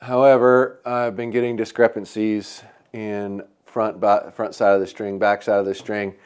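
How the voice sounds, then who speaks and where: A man's voice: on the low side, flat delivery, a little slow, a little mellow, clear, resonant tone. A man reviewing a bow indoors at an archery shop range, casually thinking aloud as he reads off measurements. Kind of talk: hands-on product testing talk.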